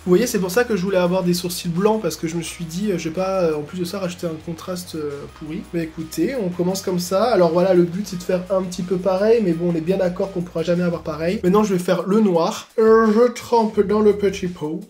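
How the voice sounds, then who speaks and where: A man hosting a casual makeup tutorial at home, talking in slangy asides and breaking into excited exclamations. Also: high-pitched, quick pace, hardly any pauses, faint music behind. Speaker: beauty YouTuber.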